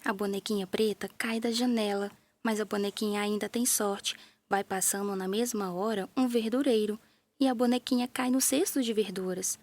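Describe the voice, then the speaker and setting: A woman with a Brazilian Portuguese accent narrating a children's story in a gentle, playful way, with little sound effects. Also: medium pitch, fairly even intonation, normal speed.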